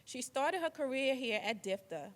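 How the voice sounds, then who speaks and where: A woman's voice: high voice, animated, normal speed, big-room sound. A woman hosting an assembly and formally introducing the next speaker. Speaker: event host. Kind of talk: presenting at an assembly.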